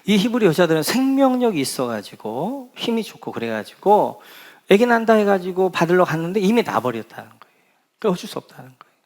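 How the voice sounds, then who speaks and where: Middle-aged male pastor, slightly high voice, lively preaching, asks the congregation questions and answers them, leads group scripture reading. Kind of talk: sermon. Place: church sanctuary.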